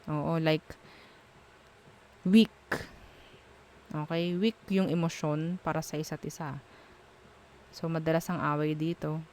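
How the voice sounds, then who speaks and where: A woman's voice: deep voice, level tone, normal speed, darkish tone, a little hiss or hum. A woman doing a casual tarot reading, frank and musing as she thinks aloud between the cards. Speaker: tarot reader.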